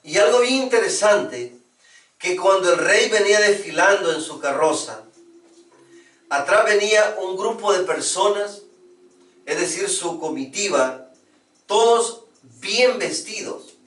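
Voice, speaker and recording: A man teaching a spiritual lesson through a parable, telling it in a slow, measured way. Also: sits high, animated, a bit bright. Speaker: esoteric teacher. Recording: echoey room, distant mic.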